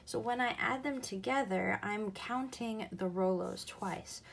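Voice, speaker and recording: A woman's voice: mid-range voice, a little slow, creaky. A woman teaching a recorded math lesson, explaining patiently and going back over each key point.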